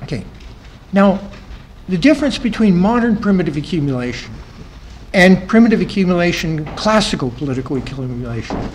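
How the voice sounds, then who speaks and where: Male panel speaker with a slightly high voice, lecturing a live audience. His phrase endings fade, and he repeats points for emphasis. Faint room noise. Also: sing-song, brisk, rough recording. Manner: voice drops and trails off at the ends of phrases; emphatic repetition of key phrases. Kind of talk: academic talk to a live audience. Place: conference room.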